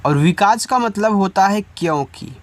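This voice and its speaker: Male beginner-class teacher, higher pitched, patient and repetitive, spells words aloud. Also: expressive. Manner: addresses viewers as students; reads English examples slowly and carefully. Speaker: English teacher. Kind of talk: spelling-and-meaning lesson for beginners.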